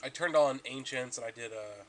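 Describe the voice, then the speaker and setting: A man's voice: medium pitch, moderate pace, slight background noise. A young man rambling casually about his gaming progress as a podcast host, stuffy from allergies, with lots of ums and restarts.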